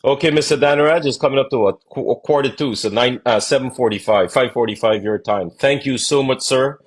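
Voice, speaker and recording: A man from Guyana hosting a relaxed business interview, often repeating words as he starts a sentence. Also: medium pitch, a little fast, breathy edge. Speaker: host. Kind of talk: casual interview chat. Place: Toronto, Canada.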